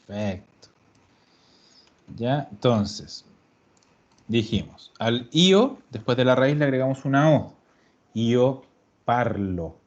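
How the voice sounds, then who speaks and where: A man's voice: mid-range voice, lively intonation, takes it slowly, pauses often, dull audio. A man teaching an online language class, explaining patiently and often checking that students follow. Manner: patient, repeats and checks understanding with "¿ya?". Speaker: Italian teacher.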